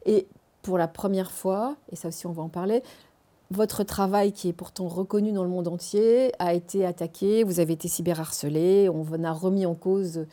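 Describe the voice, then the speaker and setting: A woman's voice: fairly low pitch, fairly even intonation, moderate pace, dark tone. A woman interviewing a guest in a TV studio, with an English accent, hesitating often with fillers and restarts.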